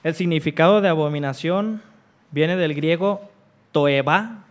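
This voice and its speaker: A man preaching a sermon, stressing repeated refrains and reading scripture aloud with deliberate pauses. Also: fairly high pitch, clean tone. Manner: emphatic repeated refrains, rising on each.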